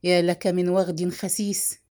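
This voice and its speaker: A woman's voice: on the low side, little pitch movement, normal speed, a little mellow, natural voice. A woman reading the lines of an enraged young man who hurls heated accusations at his brother. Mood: furious.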